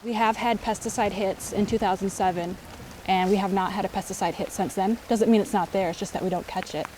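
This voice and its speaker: With a mid-range, darkish voice and fairly even intonation, a young water quality specialist talks a little fast as she explains things beside a creek. She's eager and enthusiastic, laughing lightly during the field interview. The outdoor recording carries noise and ambience.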